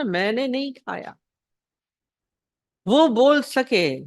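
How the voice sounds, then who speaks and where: A woman's voice: fairly high pitch, dry recording, clean studio sound. A woman spiritual teacher giving a devotional discourse. She asks rhetorical questions, repeats her points and acts out short anecdotes.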